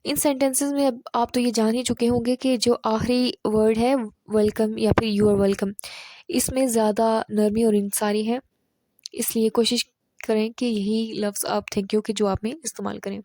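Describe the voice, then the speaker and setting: A woman narrating a language lesson in a measured, explanatory way, slowing down to speak the English example phrases. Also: fairly high pitch, dark tone, dry recording. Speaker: English teacher.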